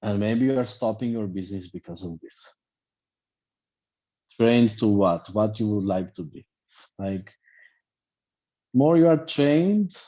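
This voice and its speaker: A man's voice: fairly low pitch, warm tone, dull audio. A man with a loose, blunt manner, filler-heavy and repetitive, giving an online class as a life coach over a video call.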